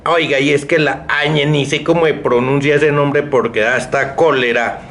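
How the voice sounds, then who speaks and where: A man's voice: fairly high pitch, fairly even intonation, normal speed, a bit bright. A man anchoring a radio newscast, editorializing emphatically and with indignation between reports. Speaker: news anchor. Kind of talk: opinionated news commentary.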